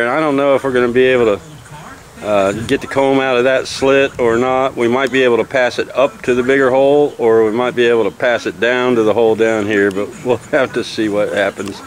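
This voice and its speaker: A man, a beekeeper casually explaining a bee removal outdoors in a relaxed, plain-spoken way with many fillers. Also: mid-range voice, moderate pace, poor audio. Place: outdoors beside a house wall. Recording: outdoor noise in the background.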